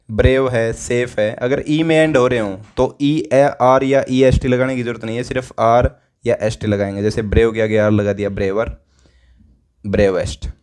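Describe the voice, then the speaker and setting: Brief: male grammar teacher, mid-pitched, methodical lesson delivery, slows right down on example sentences and drops low and soft when running through word lists. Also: fairly even intonation. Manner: explains step by step, asks and answers his own questions; drawls out English example sentences slowly.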